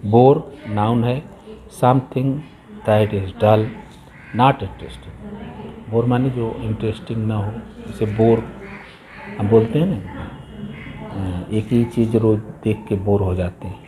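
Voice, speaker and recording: A man with an Indian accent teaching a textbook lesson, reading English lines slowly and then explaining them in Hindi. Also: fairly low pitch, steady tone, crowd noise, low-quality recording.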